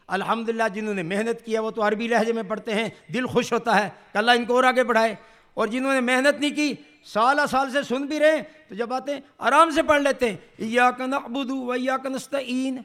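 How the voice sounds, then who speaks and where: A man with a very high-pitched voice teaches Quran recitation to a group in a classroom tajweed lesson. His tone is steady and fairly bright as he corrects their pronunciation and leads call-and-response drills, asking the group to repeat after him.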